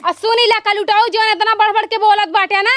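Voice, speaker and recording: A woman playing an angry, sharp-tongued young wife in a comedy skit, scolding in an Awadhi accent. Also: very high voice, fairly even intonation, moderate pace. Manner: scolding, combative. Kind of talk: rustic comedy skit acting.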